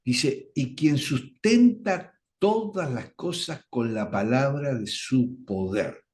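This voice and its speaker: A man teaching a radio Bible study, speaking deliberately and stressing key words. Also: medium pitch, expressive, darkish tone.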